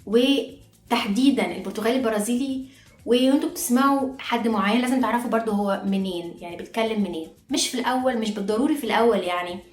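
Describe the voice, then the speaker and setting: A woman's voice: a little high, very fast. A woman with an Egyptian Arabic accent, patiently teaching pronunciation step by step, repeating each example word aloud. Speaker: Portuguese teacher. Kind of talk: online language lesson. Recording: echoey room with faint music.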